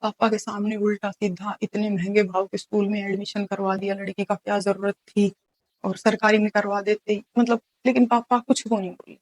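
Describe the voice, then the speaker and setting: A woman's voice: medium pitch, level tone, moderate pace, a little mellow, low-quality recording. Woman from Haryana recounting her hard past. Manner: earnest, recounting events with many restarts and quoted dialogue. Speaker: guest telling her life story. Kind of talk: personal storytelling interview.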